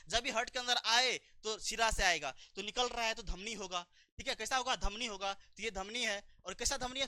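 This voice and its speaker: A man's voice: very high-pitched, pushed and bright, no echo. A man teaching a biology lecture, asking his own questions and answering them, repeating key terms.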